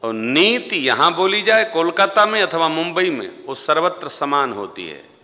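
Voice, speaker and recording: A man giving a devotional sermon in a large temple hall, speaking slowly and emphatically into a stage microphone and singing scripture verses. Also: a little high, big pitch swings. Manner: slow, emphatic, rising to loud stressed phrases. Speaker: Ram Katha preacher. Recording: long hall reverb.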